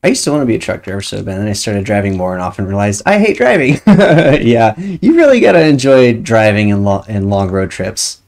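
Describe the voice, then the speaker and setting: A woman's voice: very deep voice, animated, fairly quick, a little mellow. Woman streamer chatting while she plays, lots of muttering to herself. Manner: chatty, thinks aloud, mutters at the game. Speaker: game streamer. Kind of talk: casual chat while playing a game.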